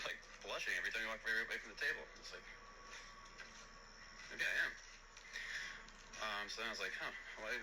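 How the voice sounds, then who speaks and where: A young man telling a casual anecdote in an animated way, acting out the voices of the people he quotes. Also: on the low side, noisy background. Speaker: storyteller guest.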